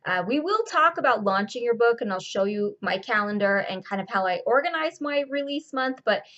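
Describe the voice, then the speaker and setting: A woman's voice: on the high side, lively intonation, fairly quick, fairly bright tone, highs cut off. A woman in her thirties talking in a chatty, informal way as she hosts a how-to video, recorded at home on a camera's built-in mic. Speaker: self-publishing author and video host. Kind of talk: casual how-to tutorial. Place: small furnished room at home. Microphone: camera's built-in microphone, no external mic.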